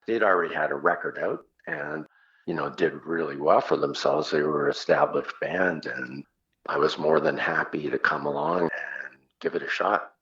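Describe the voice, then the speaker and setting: Speaking at a moderate pace, a man with a very deep, fairly bright voice looks back on old times as a guest in a relaxed interview. This rock singer tells stories and performs short quotes, captured on a muffled, dull recording.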